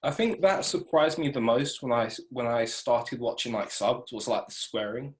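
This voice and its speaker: A young man hosting a casual interview, relaxed and hesitant, with many fillers. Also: medium pitch, moderate pace. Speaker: host.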